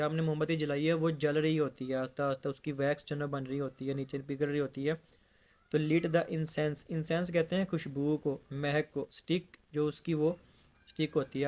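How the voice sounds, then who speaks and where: A man teaching an English lesson, explaining example sentences slowly and repeating them. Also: fairly high pitch.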